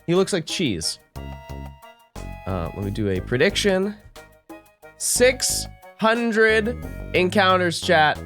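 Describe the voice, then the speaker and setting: A man livestreaming through a headset mic with a sore throat. He swings between hyped shouting and mock-sad mumbling. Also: high voice, very animated, slow pace, pauses often. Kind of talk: casual livestream chat. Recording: game music playing behind.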